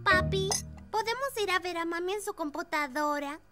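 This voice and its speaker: A woman's voice: very high voice, normal speed, over loud music. A woman voicing a cheerful, eager, bossy little girl pig in a children's cartoon dub.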